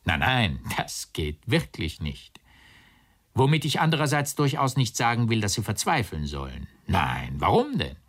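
A man voicing a cool, detached official who speaks in a measured, dry, condescending way. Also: lowish voice, wildly swooping pitch. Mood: coolly dismissive. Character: cool, detached male official, middle-aged.

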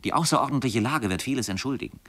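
An adult man reading the lines of a calm, scheming male tutor in an audiobook, in a measured, persuasive manner. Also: medium pitch, pitched above the performer's own voice.

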